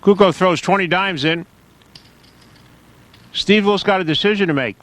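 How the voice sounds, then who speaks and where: A man's voice: high voice, normal speed, a bit bright. A man calling a poker tournament in a wry, joking commentary style.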